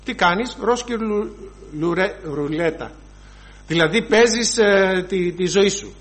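Man, preacher, high voice, animated storytelling sermon. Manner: storytelling, animated, acts out scenes.

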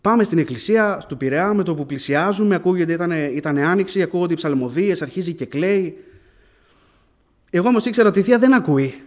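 Preaching to the congregation, this man calls them brothers as he shares his testimony, then rises into fervent prayer. His voice sits high.

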